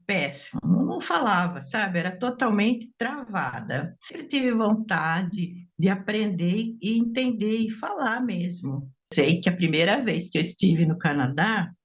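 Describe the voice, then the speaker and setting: Older Brazilian woman, student testimonial, halting and candid, expressive pitch, dull lo-fi clip. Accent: Brazilian Portuguese.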